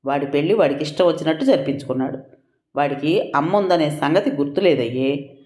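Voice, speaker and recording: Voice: medium pitch, expressive, brisk, a little mellow, natural voice. Narrator playing a bitter, wounded mother, echoey. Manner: bitter, emotional, pleading. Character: wounded, furious middle-aged mother. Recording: roomy echo.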